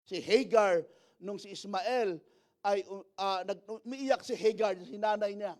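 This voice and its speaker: A male pastor preaching a sermon. He calls to the congregation for amens and moves between soft asides and loud, emphatic lines. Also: high-pitched, unhurried.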